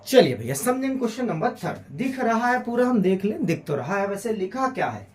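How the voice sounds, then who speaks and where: A man's voice: high-pitched, very animated, brisk, darkish tone, echoey room, far from the mic. A man teaching a physics lesson, solving problems step by step on the board and talking in a teasing, chatty way to his pupils. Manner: joking, teasing, chatty, addresses pupils as "beta".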